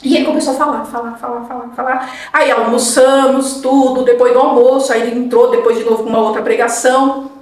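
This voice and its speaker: A middle-aged woman, a guest telling her faith testimony in a lively way and acting out what people said. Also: on the high side, quick pace. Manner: lively storyteller acting out quoted dialogue. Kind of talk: testimony in a podcast conversation. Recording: very echoey room, mic far off.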